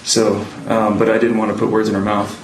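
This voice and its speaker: A man testifying as a witness in court, recalling events in a halting way with many pauses. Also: fairly low pitch, monotone, background noise. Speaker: trial witness. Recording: echoey courtroom audio from a distant mic.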